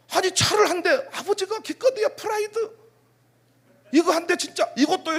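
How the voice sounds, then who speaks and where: A middle-aged man preaching a sermon as pastor, animated, firing off rhetorical questions and sudden outbursts. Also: very high voice, creaky.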